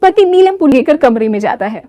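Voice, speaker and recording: High-voiced woman narrating a comic story. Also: very animated, brisk, mellow, dry recording. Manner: playful, self-correcting.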